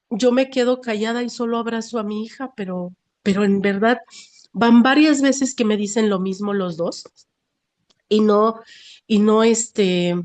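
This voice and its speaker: A woman's voice: fairly high pitch, a little mellow. Hesitant middle-aged woman in a support group. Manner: hesitant, halting, many restarts. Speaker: support group member asking a question.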